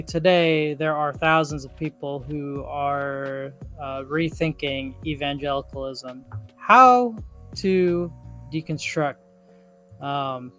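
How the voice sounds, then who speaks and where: A man's voice: on the high side, a bit bright. A man co-hosting a podcast, giving casual, encouraging advice with many "um"s. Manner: easygoing, filler-heavy, encouraging. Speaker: co-host.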